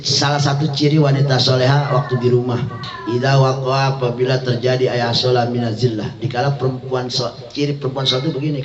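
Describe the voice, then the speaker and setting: A man with a Jakarta Betawi accent teaching a religious text study, reading Arabic lines and explaining them in joking street slang. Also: medium pitch. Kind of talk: kitab study lesson. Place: indoor prayer gathering room. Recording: echoey room, dull lo-fi sound.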